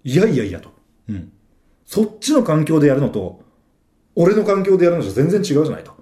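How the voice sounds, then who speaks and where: A man's voice: fairly high pitch, very animated, fast talker, dark tone. A man recounting his own experience as a trader in a casual storytelling monologue, dropping frequent little affirming fillers as he talks.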